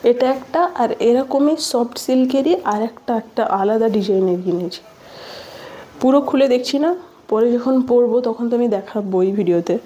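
A woman's voice: on the high side, moderate pace, warm tone. A young woman, vlogging in a casual, chatty way and often trailing off to recheck what she means. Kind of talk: casual vlog chat.

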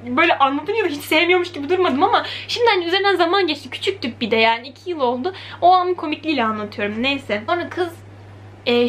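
A young woman vlogger talks straight to her camera in a bright, high register. She tells the story in a chatty, animated way and acts out the quoted lines. Faint room ambience sits under her voice. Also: slight background noise. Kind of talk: casual storytelling vlog. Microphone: camera mic.

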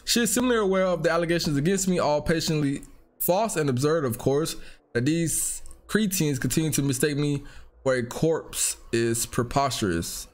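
A man's voice: fairly high pitch, normal speed. Playful young man reading a game story. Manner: playful, stumbles over words. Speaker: gaming YouTuber.

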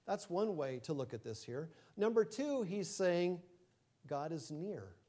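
A middle-aged male preacher with a fairly high but mellow, warm voice. He preaches conversationally, swinging between soft asides and loud emphasis, with a quick chuckle now and then. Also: animated. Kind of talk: sermon.

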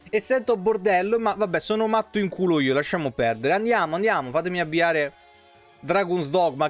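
A young Italian man streams a game from home, talking into a headset mic with a sore throat. His voice sits a touch high for a man, and he chats casually, greeting viewers by name and swearing often. Faint music plays behind him. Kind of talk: casual live-stream chat.

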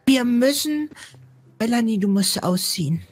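A woman's voice: fairly high pitch, lively intonation, unhurried, a little mellow, breathy edge. A woman doing in-character roleplay, flustered and stammering as she explains herself.

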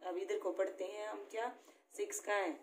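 A woman's voice: medium pitch, fairly even intonation, a little fast. A woman teacher explaining math step by step, often checking in with her pupils. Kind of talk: classroom-style math lesson. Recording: echoey room with faint background noise.

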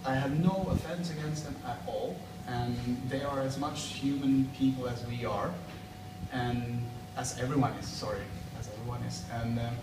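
Recorded from a distance by a camera in an echoey, noisy school corridor furnished with plastic chairs, a Swedish man in his thirties whose native language is Swedish answers interview questions. His mid-range voice has fairly even intonation at normal speed, and he's thoughtful yet hesitant, restarting and using fillers.

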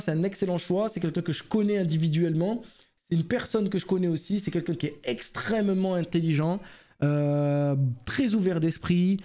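A man's voice: fairly high pitch, dark tone. A man hosting a casual esports news commentary, chatty and full of fillers and restarts.

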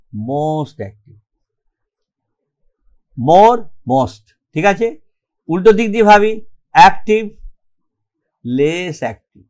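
A man with a high-pitched voice and a Bengali accent teaches grammar online. He explains patiently one step at a time, slips English terms into his speech and keeps asking "okay?" to check his students follow.

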